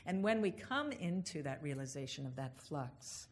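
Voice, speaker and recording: Low-voiced woman giving a reflective talk. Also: very animated. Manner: unhurried, thoughtful, drawn-out emphasis on key words. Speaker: speaker giving a reflective address.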